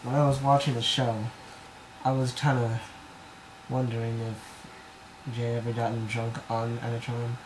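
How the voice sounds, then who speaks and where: A man's voice: mid-range voice, monotone, measured pace. A man giving a comic dramatic reading of fan fiction in his bedroom, rambling and self-conscious, often stumbling over words, on a camera mic. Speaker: amateur reader. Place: bedroom at home. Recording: echoey room with background noise.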